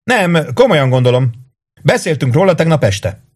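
Male narrator doing a keen young soldier, lifted pitch, respectful. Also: very animated, husky. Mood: admiring. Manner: earnest, respectful.

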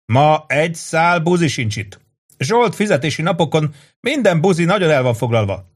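Man putting on a jolly bartender, a bit higher, brisk and joking. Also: sing-song. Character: sweaty, cheerful male bartender. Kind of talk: audiobook character voice.

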